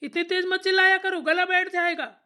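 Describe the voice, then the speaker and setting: A woman voicing a grown village son who reasons calmly and teases his mother gently. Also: extremely high pitch, fairly quick. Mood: reasoning. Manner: calm reasoning, gently teasing. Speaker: cartoon character voice. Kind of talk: cartoon voice acting.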